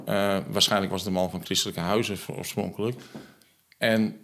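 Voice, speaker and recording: A man talking in a reflective, hesitant way about faith in a casual conversation, with many pauses and fillers. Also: deep voice, steady tone, gravelly, fairly bright tone, a little hiss or hum.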